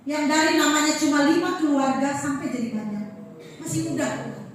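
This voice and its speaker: A woman's voice: high-pitched, fairly quick, a little hiss or hum. A middle-aged woman pastor from Manado, preaching a sermon full of personal stories and often turning to the congregation. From Manado, Indonesia. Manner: animated, keeps addressing the congregation. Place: church hall. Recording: echoey church hall from far off.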